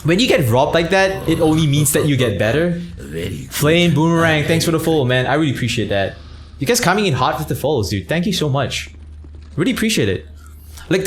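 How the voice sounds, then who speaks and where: Lively rambling male streamer from Malaysia. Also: medium pitch, slight background noise. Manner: rambling, chatty, thanks viewers by name. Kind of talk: casual livestream chat.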